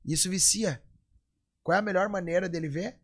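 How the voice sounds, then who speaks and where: A jiu-jitsu coach in his forties from Porto Alegre, with a Gaúcho accent from Rio Grande do Sul, guests on a casual podcast. His high-pitched voice moves at a moderate pace as he speaks emphatically, a bit preachily, acting out quoted voices. A crowd can be heard behind him.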